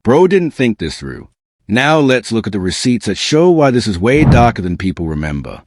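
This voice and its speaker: A man's voice: mid-range voice, sing-song, normal speed, noisy background. A man delivering scripted celebrity exposé commentary as an online host, in a slangy, incredulous, smug and sarcastic manner.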